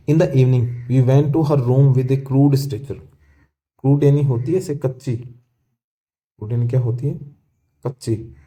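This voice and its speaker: A man's voice: mid-range voice, warm tone. A male teacher explaining an English story line by line, asking questions and answering them himself and repeating key words. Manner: reads English text lines slowly and deliberately.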